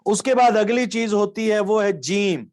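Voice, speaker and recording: A man's voice: high-pitched, darkish tone. A man from Pakistan giving an online lecture as a Quran recitation teacher, explaining rules patiently and repeating key points and examples.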